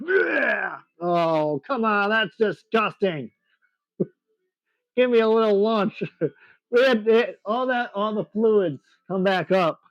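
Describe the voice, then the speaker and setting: A man giving excitable, chatty live commentary on an air show, laughing often. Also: high-pitched, no room sound, poor audio.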